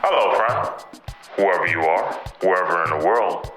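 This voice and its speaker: A man's voice: deep voice, lively intonation, moderate pace. A man with a New York accent hosting a podcast, stammering through questions and reading a playful scripted monologue. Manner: stammering restarts, "mm-hmm" backchannels. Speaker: podcast host. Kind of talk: casual interview chat and scripted monologue. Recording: echoey room with loud music behind.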